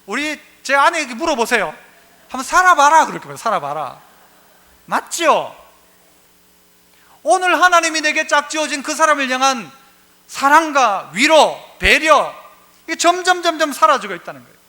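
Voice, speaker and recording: A man's voice: very high voice, big pitch swings, moderate pace, sharp tone. A male pastor preaching a Sunday sermon in a church, telling stories and asking the congregation rhetorical questions. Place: church sanctuary.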